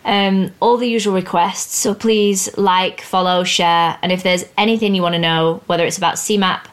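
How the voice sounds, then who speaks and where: A woman's voice: lowish voice, steady tone, normal speed. A young woman hosting a podcast and explaining finance exam topics in a plain, chatty, upbeat way. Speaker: podcast host teaching finance exams. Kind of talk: casual educational podcast.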